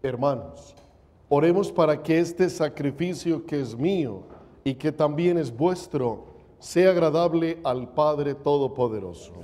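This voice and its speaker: A man, a priest, leading the prayers of Mass in a slow, solemn recitation, his voice ringing with cathedral echo. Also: fairly high pitch, lively intonation, mellow. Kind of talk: liturgical prayer. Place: large church. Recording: long church reverb.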